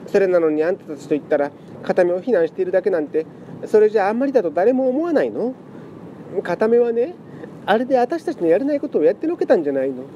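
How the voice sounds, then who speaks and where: A man voicing a sentimental female cat who pleads and scolds in soft, feminine speech. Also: high voice, expressive, fast, muffled recording, a little hiss or hum, voice pushed up. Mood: pleading.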